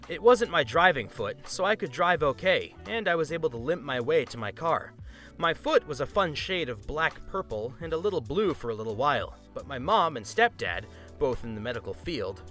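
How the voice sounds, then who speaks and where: A man narrating a first-person story in an expressive, scripted reading. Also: medium pitch.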